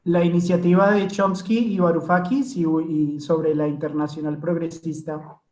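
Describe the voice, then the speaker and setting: A man's voice: a little high, steady tone, moderate pace, a little mellow, reverberant. Man on a choppy, breaking-up video call. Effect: choppy, breaking-up online call connection. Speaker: audience questioner. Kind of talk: question over a video call. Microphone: computer or phone on a video call.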